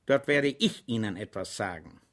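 A man's voice: on the low side, expressive, normal speed, fairly bright tone. A man voicing a smug, falsely friendly plainclothes policeman in an audiobook. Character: smug male plainclothes policeman, sly and triumphant.

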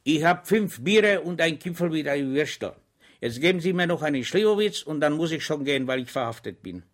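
A man's voice: a little high, expressive, a little fast, voice pushed up, lightly acted. A man voicing a simple, good-natured, chatty soldier in an audiobook, rambling with naive confidence. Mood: cheerful.

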